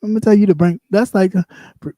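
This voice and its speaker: A high, dark-toned man's voice with fairly even intonation speaks fast in clean studio sound without echo. He's a light-voiced livestream host and ex-radio host, ranting casually, bluntly and sassily while talking in loops and repeating himself.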